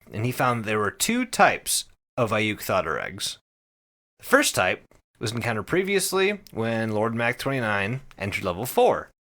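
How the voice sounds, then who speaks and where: Low-leaning in pitch, this male podcast host chats with friends, breaking things down with humor and plenty of swearing. His manner is loose, lively and conversational.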